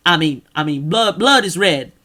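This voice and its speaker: A man voicing a Confederate soldier in a slow Southern drawl, telling his war story with halting repeats, as an amateur accent impression. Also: on the high side, lively intonation, bright, forceful tone. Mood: reminiscing. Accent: American Southern (put on). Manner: rambling, halting repetitions.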